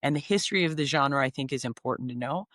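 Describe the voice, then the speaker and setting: A woman's voice: extremely low pitch, fast, fairly bright tone, no room sound, clean studio sound. A woman in her forties from Canada, a singer-songwriter talking in a casual interview, upbeat and enthusiastic with frequent ums and restarts. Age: 40s.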